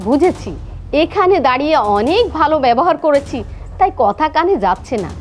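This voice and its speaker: A woman's voice: high voice, big pitch swings, fairly quick, darkish tone, faint music behind. A woman with a Bangladeshi accent playing a harsh, accusing middle-aged mother-in-law in a melodramatic film, scolding and haranguing. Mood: angry, accusing. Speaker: actor. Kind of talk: melodramatic short film acting.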